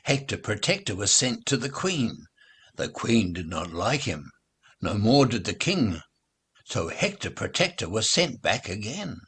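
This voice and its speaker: In a fairly low, husky voice, a man recites nursery rhymes for children, reading in an expressive, deliberate, sing-song manner.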